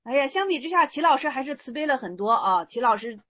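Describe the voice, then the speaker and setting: A woman dharma teacher talks through Zen stories in a casual lecture. Her voice is high and bright, and she teases her listeners in a lively way. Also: quick pace. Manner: lively, teasing, acts out dialogue.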